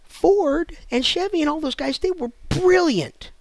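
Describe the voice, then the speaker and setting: A man's voice: very high voice, lively intonation, unhurried, no room sound. A man delivering a blunt, sarcastic comic rant as a lecturing host. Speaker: host ranting to camera.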